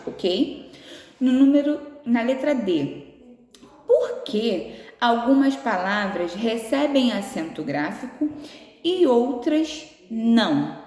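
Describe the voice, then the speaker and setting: A woman with a Brazilian Portuguese accent teaching a remote class, explaining each task patiently and slowly with affectionate little words. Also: a little high, darkish tone. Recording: echoey room with long reverb.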